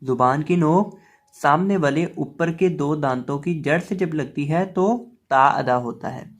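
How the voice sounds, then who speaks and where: A man teaching the pronunciation of letters in a step-by-step lesson, calling out each letter loudly and drawn out, then explaining calmly. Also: a little high, unhurried. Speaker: Quran reading teacher.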